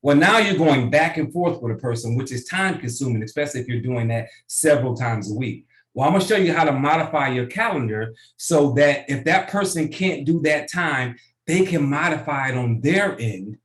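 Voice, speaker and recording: Man, business coach, casual video-call tutorial, roomy echo, mid pitch. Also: lively intonation, normal speed. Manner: casual, repeats "right?" often. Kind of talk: online tutorial training.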